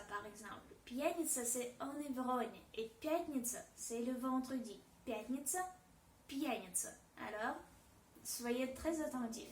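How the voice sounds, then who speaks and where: A woman's voice: on the high side, darkish tone, reverberant, recorded from a distance, slight background noise. A woman with a Russian accent giving a pronunciation lesson, speaking hesitantly and repeating example words. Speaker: Russian language teacher. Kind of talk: language lesson.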